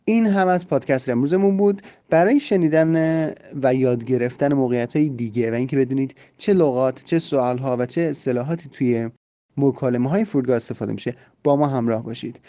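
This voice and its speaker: A man hosting a podcast English lesson, explaining and repeating phrases slowly so listeners can drill them. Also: medium pitch, dark tone, no room sound. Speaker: English teacher and podcast host. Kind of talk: language lesson. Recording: slightly dull lo-fi recording.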